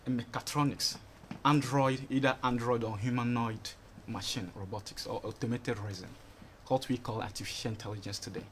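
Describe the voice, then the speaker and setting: A man's voice: medium pitch, fairly even intonation, brisk, hardly any pauses, slight background noise. A young man from Ghana in his twenties, answering questions in a TV studio interview and rambling with frequent "you know" and "you understand". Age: 20s. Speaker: interview guest. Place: TV studio set.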